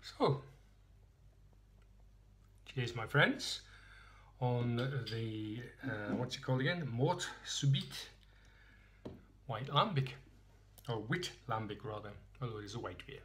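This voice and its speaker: An Englishman reviewing beer chats casually through a tasting in a handheld indoor phone video, rambling and poking fun at himself. His mid-range voice is expressive and fairly bright, moving slowly with long pauses.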